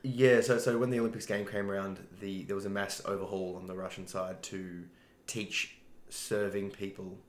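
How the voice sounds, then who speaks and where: A man's voice: low-pitched, little pitch movement, normal speed, echoey room. A man co-hosting a casual chat, joking and repeating words as he starts sentences. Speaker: co-host.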